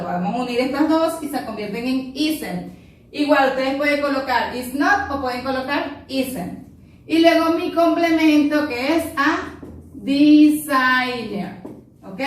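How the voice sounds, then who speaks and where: Woman English teacher, high voice, step-by-step explainer, heard from across a booming, echoey room. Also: distant mic. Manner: explains step by step, checks in with "ok?" after each point. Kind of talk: recorded classroom lesson.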